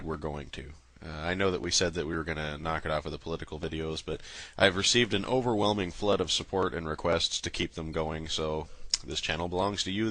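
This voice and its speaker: A man's voice: deep voice, bright, forceful tone. An angry man hosting his own political commentary channel, ranting with profanity and sarcasm. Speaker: political commentary video host. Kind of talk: angry political rant to camera.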